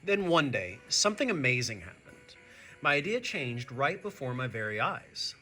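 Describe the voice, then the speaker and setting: This is an animated children's read-aloud: a male teacher reads a storybook to students at normal speed, his bright mid-pitched voice very expressive and pitched straight at young listeners. Soft music plays faintly behind him.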